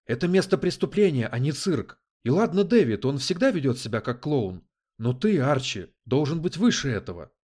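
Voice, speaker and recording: A man's voice: fairly low pitch, big pitch swings, quick pace, hardly any pauses. A man doing an indignant scolding constable. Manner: scolding, exasperated. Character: indignant, strict male police constable.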